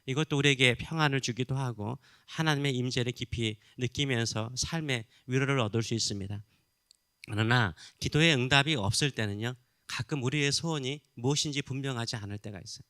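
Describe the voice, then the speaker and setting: A man's voice: mid-range voice, a little fast, bright, forceful tone, clean tone, dry recording, studio quality. A middle-aged man preaching a sermon as pastor, teaching with questions to the congregation and acting out quoted voices. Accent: Korean. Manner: teaching, asks the congregation questions, acts out crowd rebukes.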